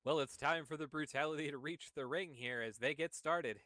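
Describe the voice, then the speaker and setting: Male wrestling play-by-play caller, bright and forceful tone, slightly high voice, excitable. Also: dry recording. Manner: excited, calls moves quickly. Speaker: wrestling commentator. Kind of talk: play-by-play commentary.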